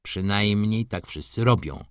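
A man's voice: lowish voice, unhurried, clean tone, no room sound, studio quality, close to an everyday voice. A man reading an audiobook, voicing a bitter, brooding middle-aged merchant who speaks in a restrained, cool way. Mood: cold bitter.

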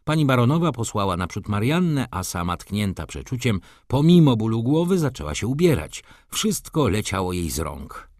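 Male narrator for a period novel, animated delivery, dry close sound. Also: fairly low pitch, normal speed, few pauses, no echo. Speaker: audiobook narrator. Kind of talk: scripted narration of a classic novel.

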